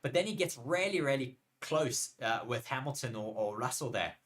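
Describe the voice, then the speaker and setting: Male co-host for a live race stream, mid-pitched, chatty and excitable, jokes with the chat. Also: moderate pace. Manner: chatty, excitable, banters with viewers. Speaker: co-host and F1 commentator. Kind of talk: live race commentary watchalong.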